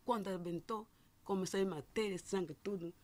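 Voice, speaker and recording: A middle-aged woman gives a personal testimony as a listener, halting and often restarting and repeating words. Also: mid-range voice, darkish tone. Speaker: listener telling her story.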